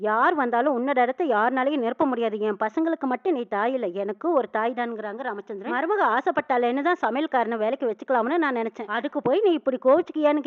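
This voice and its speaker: A woman retelling a TV serial episode in a casual way, quoting each character's lines one after another. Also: sits high. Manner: recounts dialogue quickly, quoting each character with tags. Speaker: serial recap narrator. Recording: tinny phone-like lo-fi audio.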